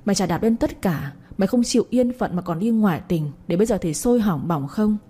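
A woman's voice: mid-range voice, animated, fairly quick, warm tone, breathy edge. A woman voicing an angry older village father who scolds harshly and with contempt. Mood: furious.

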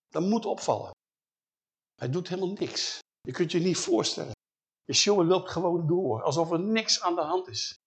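Man preaching, tells the story with lots of emphasis, kinda high voice. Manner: emphatic storytelling, rhetorical questions. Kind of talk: sermon.

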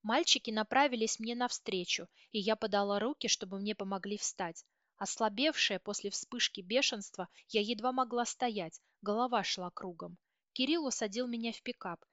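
Woman narrator, first-person audiobook, steady dramatic reading, dry close sound, slightly muffled. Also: mid-range voice, moderate pace, no echo. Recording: dull, dry audiobook recording.

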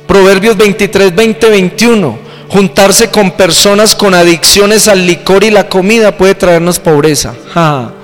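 High-voiced man preaching. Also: measured pace, few pauses, in a large hall, soft background music. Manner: animated preaching with acted-out quotes. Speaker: pastor. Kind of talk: sermon.

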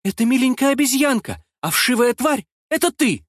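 A man's voice: extremely high pitch, expressive, brisk, no room sound, studio quality, pitched above the performer's own voice. A man voicing a feisty, defiant young woman. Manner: defiant, scolding. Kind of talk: audiobook character voice.

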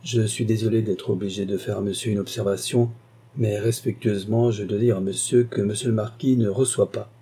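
A man's voice: lowish voice, steady tone, fairly quick, dark tone, slightly rough. A man voicing a pompous male butler who speaks with stiff formality in a storybook reading. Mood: haughty.

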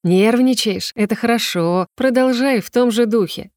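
Flustered protective young prince, gruff and grumbling, dry sound, read by a woman. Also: on the high side, normal speed, darkish tone, no room sound, pitched above the performer's own voice, lightly acted.

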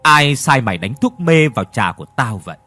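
A man voicing a cold, sharp young daughter speaking firmly in a ghost story. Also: mid-range voice, sing-song, fairly quick, faint music behind. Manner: cold and firm.

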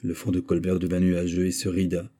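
A man reads a classic novel aloud in a measured, even way. His voice is low and very dark. It has a husky grain and a mellow warmth. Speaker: audiobook narrator. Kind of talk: literary audiobook narration.

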